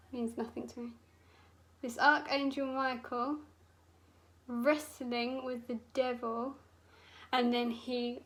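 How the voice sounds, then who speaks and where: A woman's voice: on the high side, rough recording. A young woman, a makeup artist, telling a story in a chatty, sweary, dramatic way while doing her makeup.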